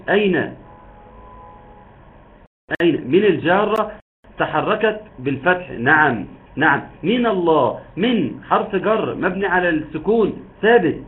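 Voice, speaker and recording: A man teaching Quran recitation rules in an online lesson, explaining patiently step by step and drawing out words to demonstrate. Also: a little high. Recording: tinny phone-like line with faint hiss.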